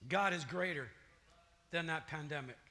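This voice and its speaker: A male pastor preaching a sermon, building up to forceful declarations in a church. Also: fairly high pitch, moderate pace, slight background noise. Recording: long church reverb, faint music.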